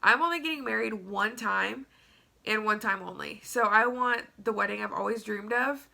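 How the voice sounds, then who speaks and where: A woman's voice: on the high side, normal speed, vocal fry, sharp tone. A young woman with a stuffy nose telling a story to her vlog audience, chatty and rambling with lots of fillers. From Tennessee. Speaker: vlogger. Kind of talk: casual story-time vlog.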